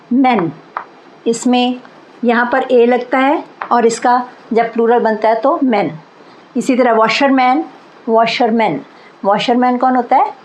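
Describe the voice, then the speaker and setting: A woman's voice: on the high side, slight background noise, poor audio. A woman teaching English grammar in Hindi, explaining patiently and repeating each example word.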